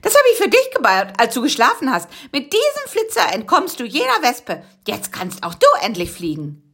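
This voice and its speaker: A woman's voice: high-pitched, huge pitch swings, a bit bright, pitched above the performer's own voice, exaggerated voice. A woman voicing an eager, bossy young male inventor in a storybook reading. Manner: eager, hurried.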